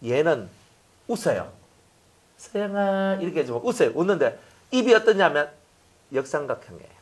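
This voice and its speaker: A middle-aged man preaches a sermon with a husky, slightly high voice. His pitch leaps and dips as he acts out little scenes in different voices. He is lively and expressive throughout. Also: fairly quick. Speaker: pastor.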